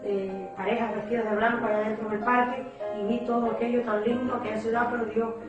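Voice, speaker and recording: A woman's voice: fairly high pitch, little pitch movement, fast talker, highs cut off. A woman giving an emotional religious testimony, repeating herself and calling her listeners brother. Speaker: testifying church member. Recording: echoey hall, far from mic, with music.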